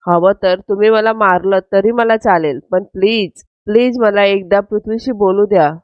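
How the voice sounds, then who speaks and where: A woman's voice: medium pitch, steady tone, moderate pace, dry recording, natural voice. Woman reading an earnest pleading young woman. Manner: pleading, insistent. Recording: dull dry lo-fi recording.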